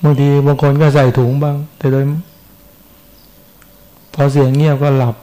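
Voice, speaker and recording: A middle-aged monk preaching in a loose, conversational way, often turning to ask his listeners questions. His voice sits a little high and has a mellow, soft tone. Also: level tone, normal speed, rough recording. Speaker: Buddhist monk giving a dharma talk. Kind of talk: sermon.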